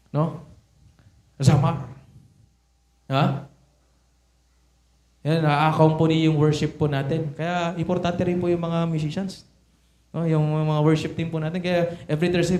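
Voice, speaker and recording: A man preaches a sermon that mixes Tagalog and English, and his voice sits high for a man. He keeps turning to the congregation with rhetorical questions. The recording is echoey, as if captured in a church sanctuary. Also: darkish tone.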